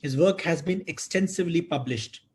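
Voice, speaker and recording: Indian accent guy moderating a webinar, bit high pitched, formal but hesitant and wordy. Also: moderate pace, a little mellow. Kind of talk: formal introduction and moderating of an online talk.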